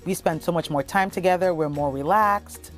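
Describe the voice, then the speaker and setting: A woman in her thirties from Cameroon, a travel blogger telling her family's story in a relaxed, chatty way with plenty of fillers. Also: lowish voice, normal speed, soft background music. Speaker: travel blogger and content creator. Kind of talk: documentary interview.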